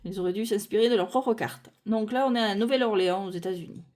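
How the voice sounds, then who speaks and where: Card after card, a woman in French talks through a tarot deck in a casual, unhurried way. She sounds mid-range and somewhat dark, and her thinking-aloud delivery is full of fillers, restarts and corrections of herself.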